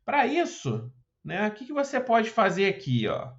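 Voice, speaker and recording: A man preps students for an exam by working through Portuguese grammar questions step by step, often checking in with short questions. His voice sits high with wildly swooping pitch and a slightly slow pace. The highs in the recording are cut off.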